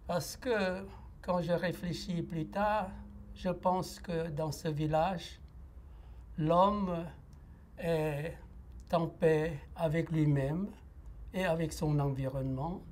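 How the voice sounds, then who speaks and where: A man from Laos in his sixties gives a reflective personal testimony in an interview, his mellow voice a little high and steady in tone. He speaks slowly and hesitantly, with many pauses and filler sounds, and faint noise sits behind him.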